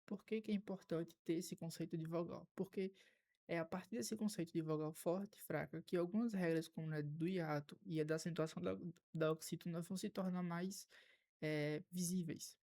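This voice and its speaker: A Brazilian man teaches an exam-prep grammar lesson in a warm, mellow voice. He lays out each rule step by step, restating the key points. He fills his pauses with short hesitation sounds. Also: on the high side, steady tone. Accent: Brazilian Portuguese. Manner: didactic, methodical, repeats key points with filler "é" pauses. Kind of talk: recorded online lesson.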